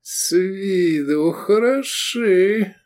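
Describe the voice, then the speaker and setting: A man's voice: a little high, sing-song, moderate pace, pitched above the performer's own voice. A man doing a drawling, haggling old-world slave dealer. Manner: drawling, bargaining, sly. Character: shrewd haggling middle-aged male slave dealer.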